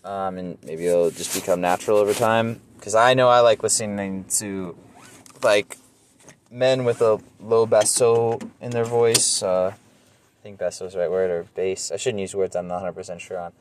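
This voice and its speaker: A man's voice: lowish voice, level tone, moderate pace, a little hiss or hum. A man in his twenties with a nasal voice, rambling through a casual solo monologue with lots of fillers and self-deprecating asides. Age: 20s. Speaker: podcast host.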